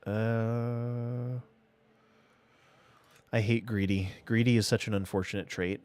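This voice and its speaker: Speaking slowly in a lowish, level, smooth voice with a darkish tone, a gaming streamer plays a strategy game live. He thinks aloud and chats casually to himself and his viewers.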